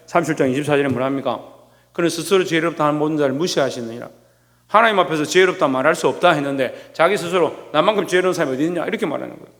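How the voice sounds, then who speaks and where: A man's voice: on the high side, fairly bright tone, long reverb tail. A man, a pastor, preaching a sermon to his congregation. He keeps asking questions and answering them himself, and raises his voice to act out quoted scolding. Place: church sanctuary.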